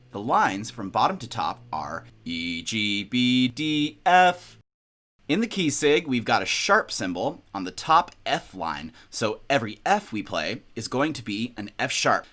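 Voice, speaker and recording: A young man teaching a music lesson in an upbeat, instructional way. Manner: upbeat, instructional, lively pitch. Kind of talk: music tutorial.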